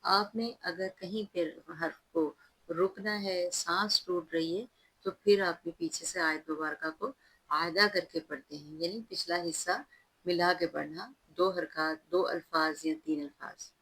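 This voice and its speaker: A woman teaching recitation, who alternates drawn-out chanted recitation with calm, patient spoken explanation. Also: fairly low pitch, husky, low-quality recording. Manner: patient, instructive tone. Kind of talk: slow, careful recitation lesson.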